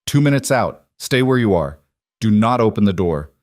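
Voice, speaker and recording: A man voicing a federal agent who gives brisk instructions over the phone. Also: lowish voice, very animated, darkish tone, no echo, clean studio sound.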